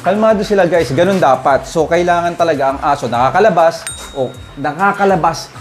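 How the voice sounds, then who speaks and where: A man's voice: fairly high pitch, a little fast. Chatty man vlogging with music. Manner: chatty, addresses viewers directly, frequent "guys" and "oh". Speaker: dog breeder vlogger. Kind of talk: casual vlog talk to viewers. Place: home kennel, outdoors. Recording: music bed under voice. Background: music playing.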